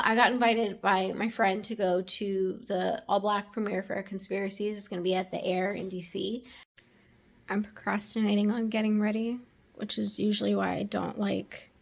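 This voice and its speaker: This young woman, a vlogger, rambles casually to the camera from home, dropping into whispers now and then and leaning on fillers. Her mid-range voice has a touch of rasp.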